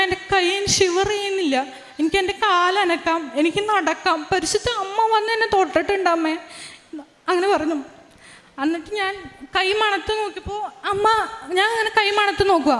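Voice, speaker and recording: A young woman giving an earnest, halting religious testimony with many restarts and quoted dialogue. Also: very high voice, a bit bright. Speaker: testimony giver. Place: large prayer hall. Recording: long hall reverb.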